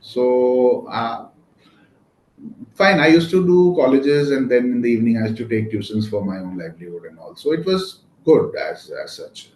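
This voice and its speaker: Guesting in a casual interview, a real estate lawyer in his fifties from West Bengal, India, rambles through his answers with plenty of fillers. He's a native Maithili speaker with an Indian English accent, and his medium-pitched voice is animated and darkish, at normal speed. Echo and faint noise fill the recording.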